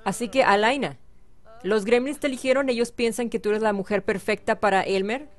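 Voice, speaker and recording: A woman's voice: fairly high pitch, a little fast, soft background music. A young woman giving chatty, playful commentary on a life-sim game and talking to the characters. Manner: chatty, hums and sings along, talks to game characters. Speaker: gaming YouTuber.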